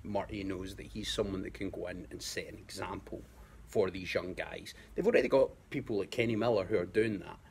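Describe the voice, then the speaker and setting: Gravelly deep-voiced Scottish man. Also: darkish tone, slight background noise. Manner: measured, repeats words while finding his point. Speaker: guest pundit. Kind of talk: casual football chat.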